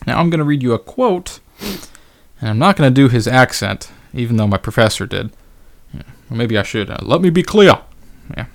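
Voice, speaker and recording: Guy doing his own podcast, chatty, lots of ums, sarcastic little asides, ordinary middle pitch. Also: brisk, creaky. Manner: conversational, many fillers, wry sarcastic asides. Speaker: podcast host. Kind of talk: casual solo podcast monologue.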